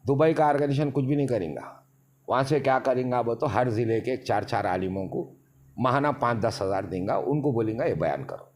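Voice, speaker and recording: A man's voice: mid-range voice, brisk. Emphatic man lecturing. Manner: lecturing, emphatic, long winding explanations. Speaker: interview guest, party leader. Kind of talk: casual interview talk.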